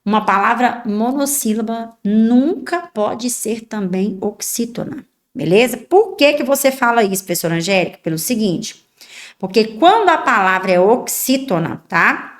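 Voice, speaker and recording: A woman's voice: fairly high pitch, animated, moderate pace. Brazilian woman teaching, asking "tá?". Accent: Brazilian Portuguese. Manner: explanatory, many tag questions. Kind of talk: exam prep lesson. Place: online class video.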